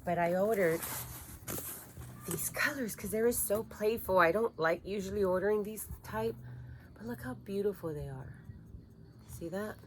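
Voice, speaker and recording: A woman's voice: mid-range voice, normal speed, pauses often, a little hiss or hum. A woman chatting casually in a home vlog, rambling and gushing over her yarn. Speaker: crochet vlogger.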